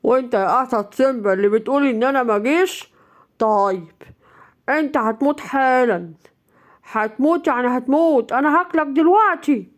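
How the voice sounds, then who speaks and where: A woman's voice: high voice, fairly quick, natural voice. A woman voicing a vicious hungry bear. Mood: menacing. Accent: Egyptian Arabic. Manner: threatening, growling taunts. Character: hungry vicious male bear, menacing brute. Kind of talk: bedtime storybook voice acting.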